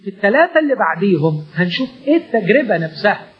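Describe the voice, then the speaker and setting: A man preaching a sermon in an Egyptian Arabic accent, voicing heartfelt prayer in the first person and sinking to a hush. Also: sits high, big pitch swings, very fast, breathy edge, lo-fi sound. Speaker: pastor.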